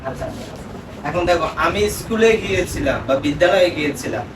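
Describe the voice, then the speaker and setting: A man with a high voice teaches a spoken grammar lesson, quizzing his student and repeating each answer back. He sounds distant in an echoey room. Loud traffic noise runs underneath. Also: lively intonation, fairly quick. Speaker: English teacher. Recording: echoey room from far off, noisy.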